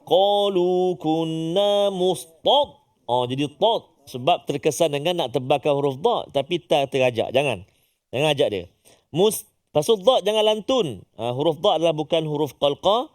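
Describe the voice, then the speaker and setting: A middle-aged man teaching Quran recitation, coaxing learners to repeat after him and chanting example words. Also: a little high. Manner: lively, coaxing, models recitation in drawn-out chant. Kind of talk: tajwid lesson with call-and-response practice.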